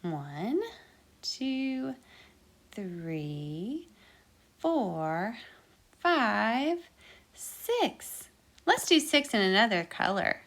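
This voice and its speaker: A woman with a medium-pitched, fairly bright voice speaks very slowly, pausing often, her pitch swinging widely. She hosts an interactive children's baking storytime with counting and singing, encouraging listeners through sing-song, repeated instructions.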